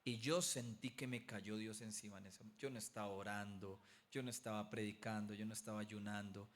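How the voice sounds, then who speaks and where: A man, a pastor teaching a theology class and telling personal stories in a lively, preaching manner. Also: fairly low pitch, a little fast, slight background noise. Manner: animated storyteller, acts out voices, rises to near-shouting at peaks. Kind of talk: preaching-style lecture with personal testimony.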